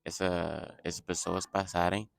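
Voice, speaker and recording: Slow, halting young man, deep voice. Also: flat delivery, vocal fry, clean tone, dry recording, clean studio sound. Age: young adult. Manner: halting, many restarts and self-corrections. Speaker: vlogger, language learner. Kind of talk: casual spoken update in a learned language.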